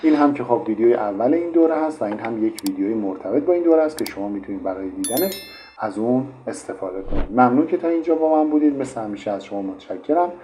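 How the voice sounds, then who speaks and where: A man's voice: medium pitch, lively intonation, dark tone, a little hiss or hum. A man teaching English pronunciation in an online lesson, explaining patiently with frequent fillers. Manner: explanatory, many fillers like "in fact".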